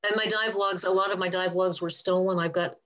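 A woman's voice: on the low side, fairly even intonation, fast talker, a bit bright. Older lady scientist rambling through questions on a zoom call, kinda muffled. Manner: chatty, rambling, self-correcting. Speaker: guest speaker, cave diving scientist. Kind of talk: casual Q&A on a video call. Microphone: video call.

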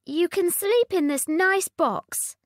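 A woman voicing a spoiled young princess from a storybook, with a high, petulant, demanding voice, read slowly. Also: no room sound, studio quality.

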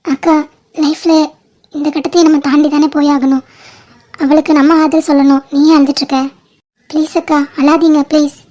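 A woman with a high voice performing every female role in a home-made family cartoon. Her delivery is emotional and pleading, full of sisterly affection. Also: level tone, fairly quick, dark tone. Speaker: cartoon creator voicing all female roles. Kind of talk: family drama voice acting.

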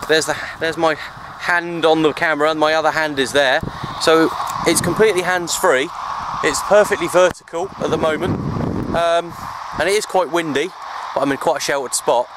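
This radio hobbyist talks casually and easily at a moderate pace in his rambling vlog, his voice a little high. He's recording on a handheld camera at arm's length in open, windy parkland, so the outdoor audio is noisy.

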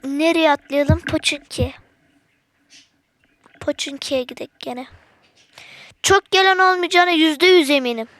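A woman with a very high, piping voice talks through a shooter match in a slow, unhurried way. Her commentary is casual and slangy, aimed at her viewers and broken by sudden frustrated outbursts. The sound is close and dry, with no room around it. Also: fairly bright tone, no echo. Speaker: gaming channel host.

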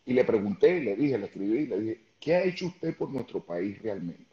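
A man's voice: lowish voice, expressive, moderate pace, dark tone. A man in his fifties with a Venezuelan Spanish accent, a guest talking earnestly and emphatically on a video call. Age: 50s. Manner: earnest, emphatic, repeats words when starting. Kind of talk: casual chat on a video call. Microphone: headphones on a video call. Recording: echoey, dull lo-fi video call.

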